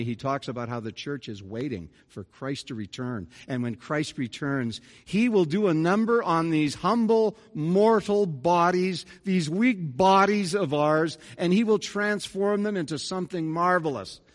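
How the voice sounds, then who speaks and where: A middle-aged pastor delivers an earnest, conversational sermon sprinkled with folksy asides, recorded in a reverberant church hall. His voice is a little high and fairly bright.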